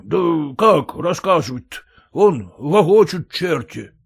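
A man voicing an illiterate, clumsy peasant who pleads in rustic, halting speech with fillers. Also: a little high, big pitch swings, vocal fry, breathy edge, heavily acted. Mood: grumbling.

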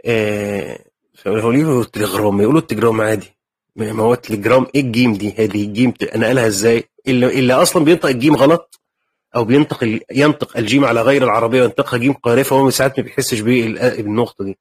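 Egyptian guy teaching a quran commentary class, talks fast, kinda husky, chatty. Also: mid-range voice. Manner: conversational, asks the class questions and explains. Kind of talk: lecture.

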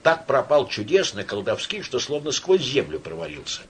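A man narrating an audiobook with a lively, dramatic reading. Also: mid-range voice, moderate pace, breathy edge.

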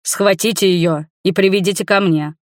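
A woman's voice: fairly low pitch, fairly even intonation, moderate pace, no echo, clean studio sound, natural voice. A woman voicing an arrogant, cruel young male fire mage who sneers and threatens, in an audiobook. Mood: furious.

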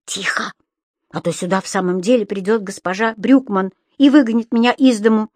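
A woman's voice: mid-range voice, fairly quick, darkish tone, dry recording, clean studio sound, close to an everyday voice. A woman doing a flustered grown man. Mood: anxious.

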